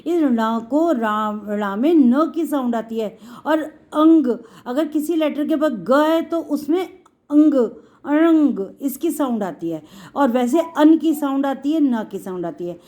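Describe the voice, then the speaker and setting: A high-pitched woman gives a patient Hindi lesson to children. She stretches out her words as she explains each letter and warmly calls her pupils "beta". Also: expressive. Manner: patient, drawn-out explaining, addresses students as beta. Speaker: Hindi teacher.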